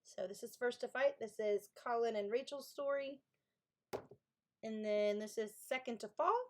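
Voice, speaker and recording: A woman's voice: fairly high pitch, moderate pace, a little hiss or hum. A woman from Kentucky with a Southern accent, chatting casually with viewers on a live stream about her books. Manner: chatty, thanks viewers, reads chat aloud. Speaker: author streaming writing sprints.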